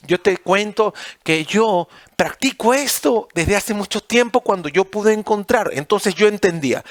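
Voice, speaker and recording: A man with a Peruvian Spanish accent preaching a sermon as pastor, swinging between raised, emphatic lines and hushed, pleading ones. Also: sits high, dry recording, clean studio sound.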